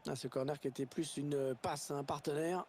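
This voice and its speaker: A man's voice: fairly high pitch, steady tone, fairly quick, a little mellow, close to an everyday voice. A man playing a keen football match commentator in a sports video game. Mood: measured. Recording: game audio with faint background noise.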